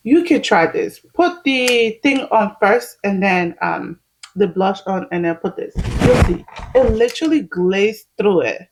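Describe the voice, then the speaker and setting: A woman's voice: mid-range voice, big pitch swings, slow, noisy background. A woman, chatting casually at home while doing her makeup, laughing often as she explains each step. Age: 30s. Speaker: vlogger.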